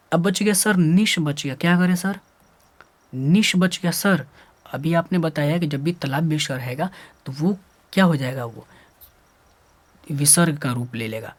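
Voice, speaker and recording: A man teaching grammar, explaining step by step, often checking whether students follow and voicing their questions himself. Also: fairly high pitch. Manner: animated, repeats "clear?" and "sir", acts out student questions. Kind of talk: classroom lesson, explaining step by step.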